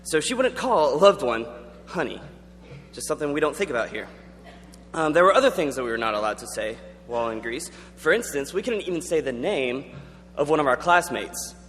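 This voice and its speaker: A man's voice: on the high side, sing-song, fairly quick, fairly bright tone, faint music behind. Earnest young man in a reverberant chapel. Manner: earnest, conversational, frequent ums. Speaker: student chapel speaker. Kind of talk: chapel talk. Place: large chapel auditorium. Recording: long hall reverb, faint hum.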